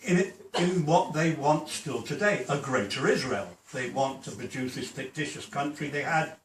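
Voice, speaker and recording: At a public talk in a hall, an older former policeman answers audience questions plainly and matter-of-factly. His mid-range voice moves at normal speed and sounds distant in the echoey room, with slight background noise.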